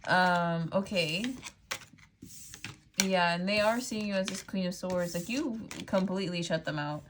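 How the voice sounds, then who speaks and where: Woman doing a tarot reading, kinda low voice, super chatty, lots of likes and ums. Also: unhurried, background noise. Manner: chatty, frequent "like" and "um", laughs easily. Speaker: tarot reader. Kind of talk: casual tarot reading to camera.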